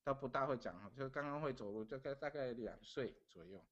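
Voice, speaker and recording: A man's voice: medium pitch, fairly quick, highs cut off. A middle-aged man from Taiwan. He is a podcast guest telling a story casually and earnestly, repeating phrases as he goes. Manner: earnest, repeats phrases while recounting events.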